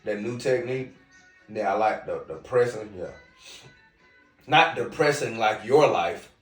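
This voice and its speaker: This man's lower-pitched voice moves at a measured pace as he hosts a casual podcast monologue in a hookah lounge. Carrying a slight Southern US twang, he's brash and lecturing, talking right to his viewers. He's recorded from a distance, off-mic in a roomy space, with music behind him.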